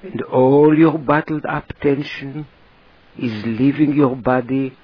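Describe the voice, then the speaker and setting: Guy doing a guided relaxation, really slow n husky, short phrases w pauses, kinda dull recording. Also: mid-range voice, fairly even intonation.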